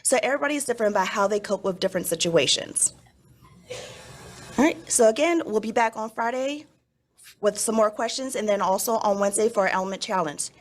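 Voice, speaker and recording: A woman's voice: medium pitch, fairly quick. A woman teacher explaining things to young children in simple, instructive phrases during a school announcement.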